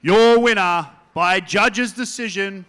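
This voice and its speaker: A man's voice: sits high, fairly bright tone, smooth. A man announcing the winner as ring announcer, drawing out his words. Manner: slow, drawn-out announcing.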